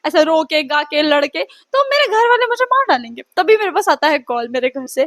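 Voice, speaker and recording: A woman's voice: high voice, very animated, normal speed, fairly bright tone. A teenage girl telling a personal story in a chatty, dramatic vlog style, acting out what people said. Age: teens. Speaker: vlogger.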